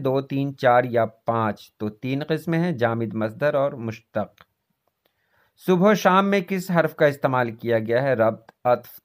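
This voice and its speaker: A man going through exam questions as a teacher, reading each question and its options before giving the answer, with speech. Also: mid-range voice. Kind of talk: quiz walkthrough lesson.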